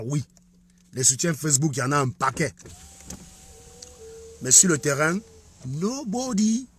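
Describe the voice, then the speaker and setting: A man's voice: on the high side, slightly rough. A man ranting to his viewers on a live stream, mocking and repeating his points for emphasis. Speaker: online commentator.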